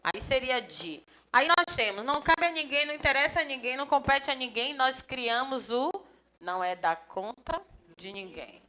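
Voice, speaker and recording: A grammar teacher, giving a lively classroom lecture. She chats with students and acts out little dialogues. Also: high voice, moderate pace. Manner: lively, chatty, acts out little dialogues, often points things out with "ó". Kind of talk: live classroom lecture for a civil service exam course.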